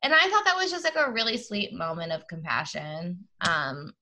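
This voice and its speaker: An American woman hosting a podcast in casual, chatty recap style, with vocal fry and a Valley Girl delivery. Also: fairly low pitch, moderate pace, bright, forceful tone. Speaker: podcast host.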